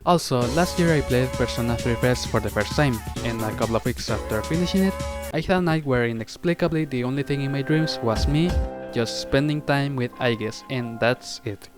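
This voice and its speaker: A man's voice: medium pitch, a little fast. A young man narrating a scripted personal monologue with wry, dry asides. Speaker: video narrator. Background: background music.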